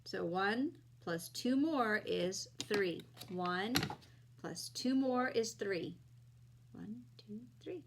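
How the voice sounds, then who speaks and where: Female children's teacher in kids' show host mode. Unhurried delivery, mid-range voice, simple step-by-step phrasing. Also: mid-range voice, expressive, very noisy. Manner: simple, step-by-step explaining with questions to young listeners.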